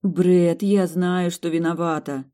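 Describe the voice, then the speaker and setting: A woman's voice: fairly low pitch, fairly even intonation, slow pace, warm tone, voice pushed up. A narrator voicing a young woman doctor, flustered and eager to please, pleading and apologetic in an audiobook.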